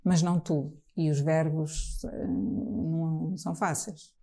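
A jazz singer from Trás-os-Montes in Portugal, answering interview questions in a casual, halting way with many restarts. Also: female voice, sits low, steady tone, warm tone.

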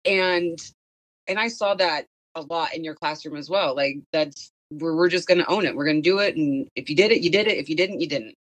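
Lively woman telling stories. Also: deep voice, brisk. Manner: animated storyteller who laughs easily. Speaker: guest, former school principal. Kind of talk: casual conversation.

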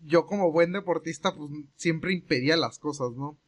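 Mexican man, relaxed rambling storyteller. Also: fairly high pitch, moderate pace. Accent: Mexican Spanish. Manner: relaxed, rambling, acts out quoted exchanges. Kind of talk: casual storytelling chat.

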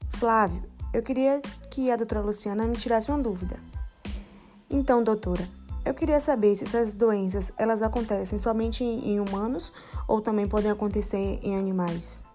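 A woman's voice: medium pitch, moderate pace, dark tone, soft background music. Woman calling in over the phone. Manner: polite, asks a careful question. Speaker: caller to a radio show.

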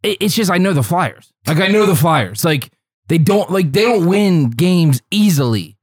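A young man, out of breath and sweating, talking excitedly about hockey, swearing and stumbling over his words. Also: high-pitched, normal speed, slightly rough. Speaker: podcast co-host. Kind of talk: casual sports chat.

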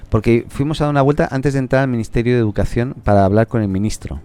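A man hosting a podcast, chatting casually and telling stories in an animated way. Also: mid-range voice, fast, clean tone. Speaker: podcast host. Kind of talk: casual chat.

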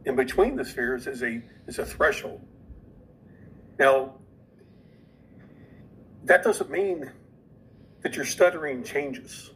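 A man's voice: mid-range voice, lively intonation, slow pace, long pauses, a bit bright, a little hiss or hum, rough recording. A man who is a podcast guest, earnestly explaining an idea and often repeating words as he goes.

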